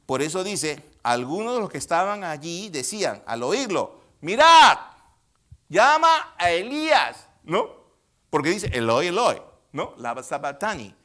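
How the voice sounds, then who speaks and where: A male pastor preaching a sermon emphatically, often asking his congregation whether they understand, swinging from quiet to near shouting. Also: on the high side. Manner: asks the congregation questions often.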